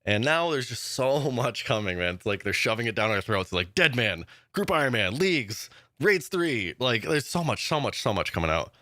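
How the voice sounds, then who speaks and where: A man giving a casual vlog update as a gaming YouTuber, excited and rambling with lots of fillers. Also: medium pitch, moderate pace, no echo, studio quality.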